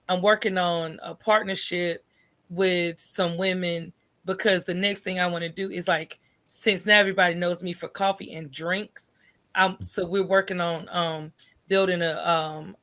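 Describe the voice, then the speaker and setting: This interview guest, a middle-aged American coffee shop owner, speaks at a measured pace in a fairly low voice. Casual and animated, she acts out quoted thoughts and regularly tags her phrases with "right?".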